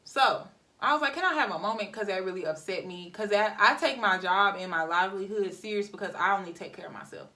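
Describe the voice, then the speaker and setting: A woman's voice: mid-range voice, quick pace. A young woman vlogger chatting animatedly to viewers while doing her hair, telling a story about work. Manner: animated, talks to viewers as y'all. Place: home, getting ready. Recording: voice somewhat far from mic.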